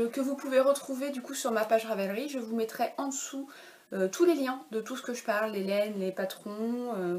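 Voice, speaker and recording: Her mid-range voice has a darkish tone, with slight background noise. At home in daylight, this knitwear designer in her thirties chats casually on a knitting podcast about her patterns, with frequent hesitations and self-corrections.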